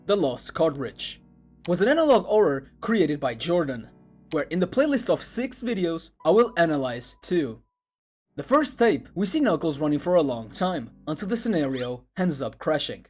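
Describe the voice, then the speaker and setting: The narrator is a man with a slightly high voice and a darkish tone, reading a script in internet video essay style. Music plays in the background beneath him.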